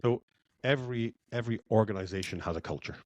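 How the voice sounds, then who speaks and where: A man's voice: on the low side, fast talker, dry recording. A man from Scotland, a guest in a podcast interview, talking reflectively and repeating words as he thinks. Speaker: guest, culture consultant.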